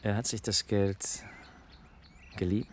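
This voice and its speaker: An actor plays a guarded man in a radio play who probes with calm, steady questions. His voice sits low. A faint hiss lies under the recording. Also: unhurried, natural voice. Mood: probing. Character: guarded man hunting a rich man's past.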